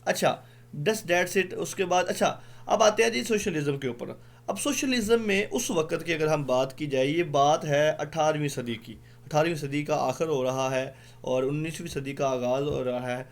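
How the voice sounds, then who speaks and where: A man teaching an exam-prep lecture in an online class, explaining slowly with many fillers and spelling out words letter by letter. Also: a little high, creaky.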